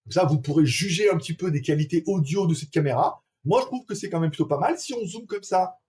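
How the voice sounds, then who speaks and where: This casual French webcam demo features a tech reviewer with a slightly high, darkish, breathy voice who talks fast with lively intonation. Chatty and quick to laugh, he speaks right to the viewer via the webcam's built-in mics, with a small fan and air conditioner in the room.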